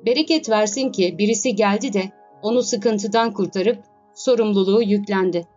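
Female narrator, steady storyteller, slightly dull lo-fi recording with faint music behind. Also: mid-range voice, normal speed. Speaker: audiobook narrator. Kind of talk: scripted narration of a classic novel.

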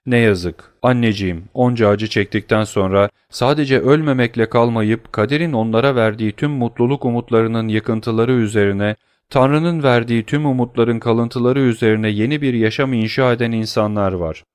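A man's voice: medium pitch, moderate pace, clear, resonant tone, no room sound, studio quality, lightly acted. A man voicing a proud young nobleman, speaking earnestly and with firm resolve. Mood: resolute.

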